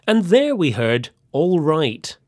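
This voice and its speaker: Lively, unhurried male lesson presenter. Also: on the high side, no echo, clean studio sound. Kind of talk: scripted language lesson.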